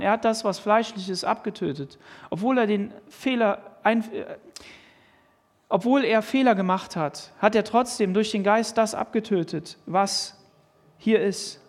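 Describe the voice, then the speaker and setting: A man's voice: sits high, measured pace. A man preaching a sermon, earnestly reading and explaining Bible verses and asking pointed questions. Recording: long hall reverb.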